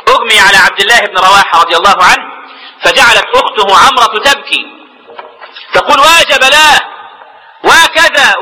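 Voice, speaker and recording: A man's voice: high voice, bright, forceful tone, long reverb tail, slight background noise, poor audio. A man with an Egyptian accent giving a religious lecture as a sheikh. He explains points in colloquial asides and repeats words as he searches for the next phrase. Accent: Egyptian Arabic. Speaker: sheikh teaching jurisprudence.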